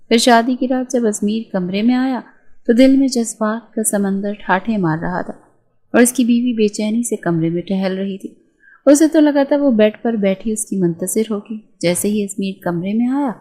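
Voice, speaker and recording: A woman narrating a romance novel in a steady, measured reading voice. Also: on the high side, rough recording. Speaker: storyteller.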